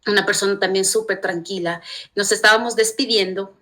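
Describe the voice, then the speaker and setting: A middle-aged woman from Ecuador with an Ecuadorian Spanish accent, telling family stories as an interview guest, warm and full of restarts. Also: medium pitch, steady tone, brisk. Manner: warm storytelling with many restarts. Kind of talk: casual interview talk.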